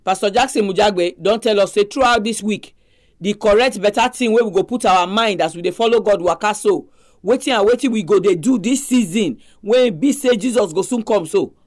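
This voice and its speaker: A woman's voice: mid-range voice, fairly quick, darkish tone. A woman with a Nigerian accent, presenting a radio programme in Pidgin as its host. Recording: music behind the voice.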